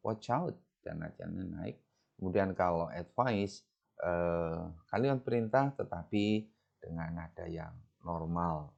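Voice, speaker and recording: A man's voice: sits low, creaky, a little mellow. A man with an Indonesian accent teaching English grammar, patiently explaining in a bilingual lecture and reading the English examples aloud. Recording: dull lo-fi recording.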